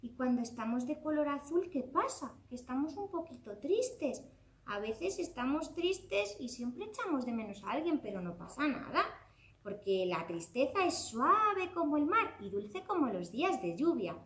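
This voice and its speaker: Animated woman telling a children's story. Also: high voice, normal speed, reverberant. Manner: expressive, exclaiming, addressing children directly.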